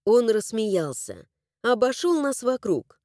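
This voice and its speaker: A woman narrating a first-person fantasy audiobook in an expressive storytelling manner. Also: fairly high pitch, slow pace, no echo, studio quality.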